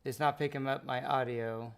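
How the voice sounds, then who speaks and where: A man's voice: medium pitch, steady tone, normal speed, creaky, clear, resonant tone. A man running a tabletop game as game master over voice chat, apologizing and fixing his audio.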